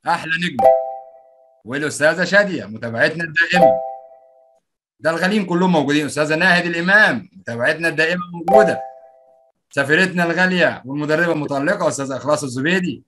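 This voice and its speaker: A man's voice: on the high side, racing, loud music behind the voice. A man with an Egyptian Arabic accent running a live online workshop as trainer, playfully reading out and greeting participants' answers.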